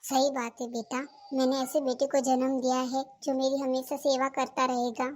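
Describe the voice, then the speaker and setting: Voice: very high-pitched, fast talker, pushed and bright, dry recording, studio quality. A voice actor playing a bossy elderly mother-in-law in a cartoon comedy, who scolds and nags. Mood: soft, hurt. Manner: scolding, nagging.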